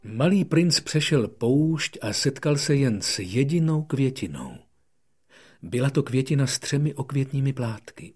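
A man narrating an audiobook fairy tale in an expressive storytelling manner, moving between soft and lively passages. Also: mid-range voice, husky.

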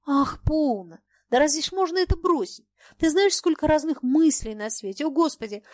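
A woman voicing an earnest, sharp-tongued young bookish woman who argues with passion. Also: high-pitched, expressive, no room sound, voice pushed up. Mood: impassioned. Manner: earnest, impassioned, quick to argue. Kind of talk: audiobook character reading.

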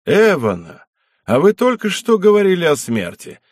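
A man voicing a kind, cheerful nobleman in an audiobook, with a warm, coaxing, lively manner and a husky voice. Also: mid-range voice, moderate pace, no room sound, studio quality. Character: kind hearty middle-aged nobleman, cheerful. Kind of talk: audiobook character reading.

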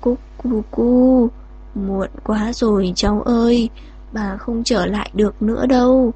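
A woman voicing an old grandmother who has turned into a dove, speaking slowly with cooing calls. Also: on the high side, fairly even intonation, warm tone, slightly rough. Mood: mournful.

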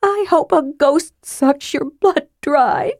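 A woman's voice: sits high, expressive, moderate pace, a little mellow, dry recording, clean studio sound, pitched above the performer's own voice. A woman voicing a fiery, jealous young woman who pleads and accuses in a raised, tearful voice. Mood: angry.

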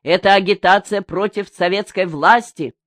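Zealous party man, read by a woman: loud, accusing, dry close sound. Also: mid-range voice, moderate pace, no room sound, voice pushed up, lightly acted. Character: shouting zealous male party official. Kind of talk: audiobook character reading.

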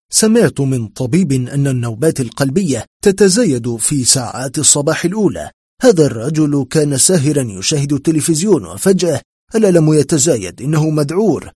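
A man's voice: a little high, dark tone, breathy edge, no echo, studio quality. A man voicing a weary, blunt police lieutenant colonel in a spoken horror story, dismissive and matter-of-fact.

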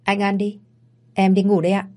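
A woman's voice: mid-range voice, monotone, moderate pace, dark tone, natural voice. A woman voicing a timid young maid from the countryside, polite and pleading.

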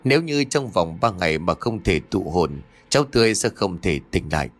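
A man voicing a stern old male exorcist master in an audio ghost story, speaking urgently and gravely. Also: deep voice, animated, a little fast.

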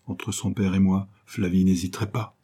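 A man's voice: sits low, little pitch movement, normal speed, dark tone, husky. A man reading a novel aloud, voicing a vain and smug young man who boasts in a sneering way. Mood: boastful.

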